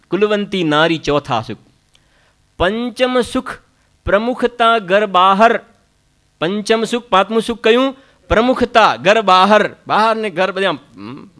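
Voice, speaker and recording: A man delivers a spiritual discourse in a fairly high voice. He teaches through repetition and proverbs. He keeps tossing short questions to his listeners to check that they follow. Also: pushed and bright. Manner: frequent questioning interjections to listeners. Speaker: Jain spiritual lecturer. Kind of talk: Gujarati religious discourse.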